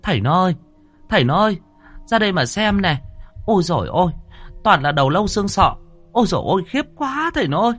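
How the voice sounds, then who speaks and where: A male narrator voicing an old village wife who scolds her husband, in a shrill, nagging tone, in a storybook reading. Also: sing-song, quick pace, pauses often, a bit bright, soft background music. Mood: terrified.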